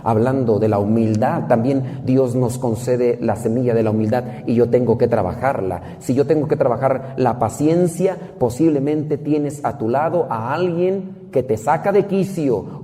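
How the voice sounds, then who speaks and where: Mexican priest preaching in a reverberant church. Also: male voice, mid-range voice, mellow. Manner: folksy preaching with jokes and rhetorical questions. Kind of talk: sermon.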